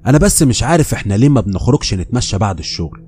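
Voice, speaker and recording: A man's voice: medium pitch, big pitch swings, rapid-fire, darkish tone, soft background music, natural voice. A man with an Egyptian accent voicing his restless, uneasy young coworker in a horror story, speaking insistently. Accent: Egyptian Arabic. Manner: insistent, pressing.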